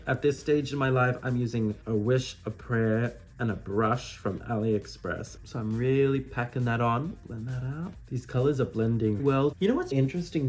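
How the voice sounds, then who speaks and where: A man with a campy, wry manner, chatting through a makeup tutorial with playful asides. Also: mid-range voice. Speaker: makeup reviewer and drag queen.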